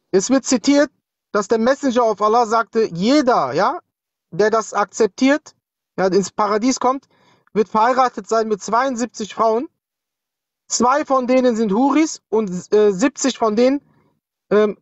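A man's voice: extremely high pitch, no room sound, highs cut off. Dry-sounding male stream host. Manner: hesitant, addresses the viewers repeatedly. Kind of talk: explaining sources to a chat audience.

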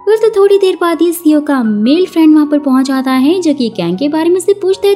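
A woman's voice: high voice, dark tone. A woman narrating a drama recap in a chatty, casual way, talking to viewers as friends.

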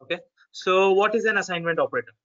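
A man's voice: high-pitched, fast talker, fairly bright tone. A man with a North Indian accent giving an informal step-by-step tutorial, often checking that he is understood. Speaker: programming teacher. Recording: dull, lo-fi online call audio.

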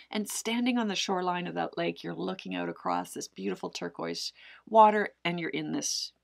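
A middle-aged woman with a lowish, gravelly voice full of heavy fry sits close to the mic indoors, in front of a brick wall. As a cave diver answering viewer questions, she tells a diving story to the camera, chatty and animated, gesturing with both hands and using lots of fillers.

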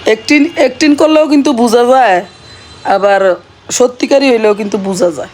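A middle-aged woman, hoarse from shouting, playing a nagging mother-in-law in a playful family skit. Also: a little high, a little fast. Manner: scolding and nagging in character, then chatty.

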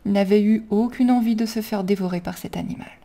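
A woman reads her own adventure story aloud in a steady, measured storybook narration. Her voice is mellow and warm, at a middle pitch. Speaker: reader of her own fan fiction.

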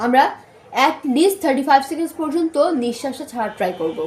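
A woman teaching spoken recitation, sounding out syllables and tongue twisters slowly and mixing in English words. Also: high voice, lively intonation, a little mellow, soft background music. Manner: slow, syllable-by-syllable demonstrations mixed with English words. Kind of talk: spoken recitation lesson with drills. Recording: echoey room with faint noise.

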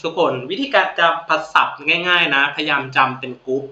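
A man with a Thai accent teaching a Japanese lesson to students, friendly and repeating each word slowly for them to copy. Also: fairly high pitch, bright, forceful tone. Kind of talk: casual classroom-style video lesson. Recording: echoey room, dull lo-fi sound.

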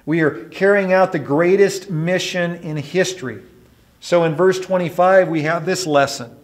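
A man preaching a sermon as pastor, earnest and emphatic, dropping soft at the ends of points and asking his listeners questions. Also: sits high, normal speed. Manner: asks the congregation questions.

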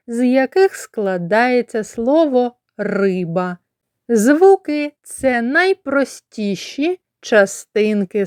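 Woman kindergarten teacher, slightly high voice, crisp close dry recording, patient lesson for small kids. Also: darkish tone, no room sound. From Ukraine. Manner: clear, deliberate articulation of sounds and syllables. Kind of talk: slow didactic lesson for children.

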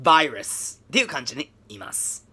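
A man whose first language is English, giving casual, energetic commentary that analyzes English and breaking into demonstration readings. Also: mid-range voice, moderate pace, slight background noise.

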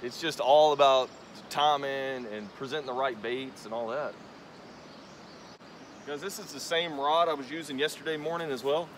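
The mid-range voice of a young man comes through over background noise from a rushing river. Hosting his fishing channel, he chats casually and explains his casting technique from the bank, recorded outdoors on a distant tripod camera.

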